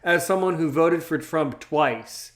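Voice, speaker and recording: A man's voice: on the high side, measured pace. A man in his thirties interviewing a guest, agreeing eagerly and stammering through many restarts. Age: 30s. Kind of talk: casual interview talk.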